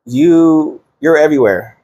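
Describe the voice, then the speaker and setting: A man's voice: fairly high pitch, lively intonation, a little slow, mellow, muffled recording. A man in his thirties hosting a podcast, chatting casually with loose slang and plenty of fillers and restarts. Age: 30s. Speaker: podcast host. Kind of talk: casual chat.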